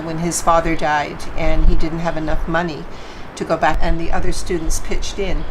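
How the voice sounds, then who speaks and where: A woman's voice: fairly low pitch, noisy background. A woman from Newfoundland, Canada, chatting as a volunteer guest in an interview, talking freely with lots of uh fillers. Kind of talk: casual interview chat. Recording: loud background music bed.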